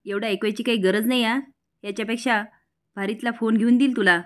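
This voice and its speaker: A woman's voice: on the high side, fairly even intonation, a little fast, a bit bright, close to an everyday voice. A woman voicing a scheming defensive girl.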